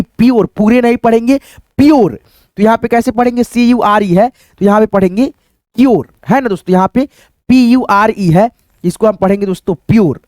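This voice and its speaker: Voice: medium pitch, darkish tone, dry recording. A teacher giving a phonics lesson, repeating each word and often calling the viewers friends. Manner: repetitive, addresses viewers as friends.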